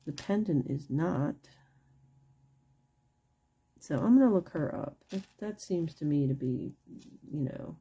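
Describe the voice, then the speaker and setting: A woman with a very dark, mellow voice talks softly, as if late at night and tired. It is markedly husky and breaks into gravelly fry. She chats off the cuff, half to herself, repeating words as she goes. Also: fairly low pitch. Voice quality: croaky, husky voice with vocal fry. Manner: quiet, tired late-night delivery, holding the voice down while others sleep. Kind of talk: casual chat, unscripted show-and-tell. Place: indoors at home, over a wooden table.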